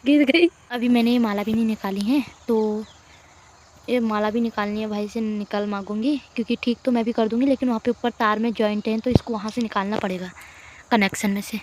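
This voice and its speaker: A young woman with a fairly high voice, chatting to her viewers in a relaxed village vlog while nursing a cold. She talks straight into a phone outdoors, with faint insects and a light hiss behind her. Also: brisk. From Uttarakhand hills, India. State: has a cold and sore throat. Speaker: village vlogger. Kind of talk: casual vlog chat.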